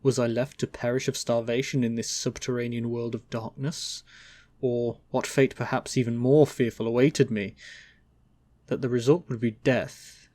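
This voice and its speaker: A man narrates a gothic horror story as a theatrical dramatic reading, swelling emphatically and stretching out phrases. His voice is medium in pitch with a darkish tone.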